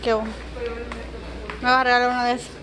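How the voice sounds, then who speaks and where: A woman, joking loudly with friends while shopping. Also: a little high, completely flat delivery, normal speed. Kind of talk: casual chat. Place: indoor variety store.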